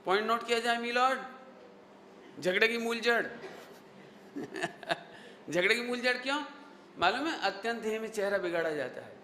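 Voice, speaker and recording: A man with a high, bright, ringing voice preaches to a seated crowd and keeps firing questions back at his listeners. He repeats key phrases on purpose so they stick. His voice echoes through a large hall over a faint hiss. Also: lively intonation, measured pace, pauses often. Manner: drills the audience with repeated rhetorical questions. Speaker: Jain scholar giving a lecture. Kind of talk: sermon with questions to the audience.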